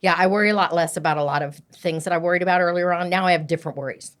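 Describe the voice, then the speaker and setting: A woman in her sixties hosting a podcast, chatting warmly with her guest and often checking in with "right?". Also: on the low side, rapid-fire. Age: 60s. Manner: warm, affirming, often says "right?". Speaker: podcast host. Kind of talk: casual interview chat.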